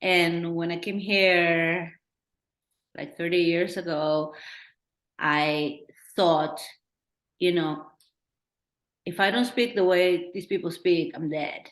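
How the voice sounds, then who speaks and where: A middle-aged woman from Peru with a Peruvian accent, talking earnestly as a director in a Q&A and thinking out loud with restarts. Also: fairly low pitch, steady tone, takes it slowly, long pauses. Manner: earnest, thinking aloud with restarts and acted-out quotes. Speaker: documentary director. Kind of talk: Q&A discussion. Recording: roomy echo.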